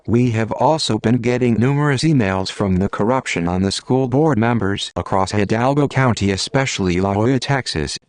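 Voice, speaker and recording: A man's voice: medium pitch, normal speed, few pauses, no room sound. A man reading a scripted message as an activist spokesperson, formally addressing the public in a solemn, declamatory tone of warning.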